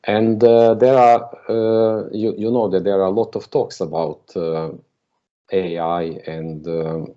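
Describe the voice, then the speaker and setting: Speaking over a dull, lo-fi video call, this keynote speaker is a man from Croatia with a Croatian accent. His voice sits on the low side, with a steady tone and a slow delivery, and he hesitates often, leaning on filler sounds.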